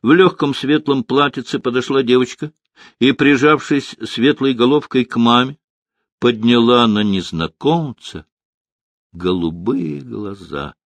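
A man reading a novel aloud as an audiobook narrator, in a measured, expressive style. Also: medium pitch, no room sound. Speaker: audiobook reader. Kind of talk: scripted narration.

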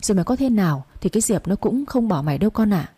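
Woman reader doing an old peasant mother, quick scolding delivery, husky, warm. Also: mid-range voice, expressive.

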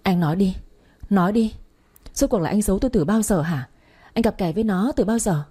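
A woman's voice: medium pitch, fairly quick, slightly rough, close to an everyday voice. Woman voicing a betrayed wife in fury. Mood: shrill anger. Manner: shouting, demanding accusations. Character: betrayed wife, furious and desperate.

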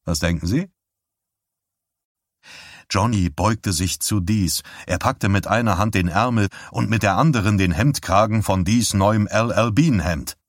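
A man narrating an audiobook in a steady, measured way. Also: fairly low pitch, no echo, studio quality.

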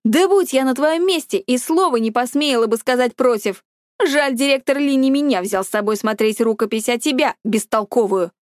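A woman's voice: on the high side, normal speed, dry recording, studio quality, lightly acted. A woman voicing an indignant young office gossip. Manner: indignant, scolding. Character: haughty jealous young female office colleague.

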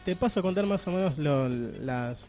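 A man with an Argentine accent co-hosting a community radio show, reading out event news in an animated, casual way. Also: fairly high pitch, moderate pace. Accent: Argentine Spanish. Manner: animated, lists news items with rising emphasis. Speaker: radio co-host.

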